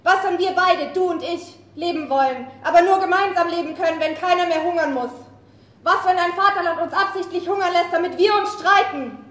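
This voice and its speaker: A defiant young rebel woman, read by a woman actor who hammers home accusing questions with passion. Her voice is high, and the live café recording gives it a roomy echo. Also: normal speed, a bit bright. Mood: impassioned. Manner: impassioned, accusing, rhetorical. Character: defiant young female rebel fighter, Zelda. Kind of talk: staged play reading.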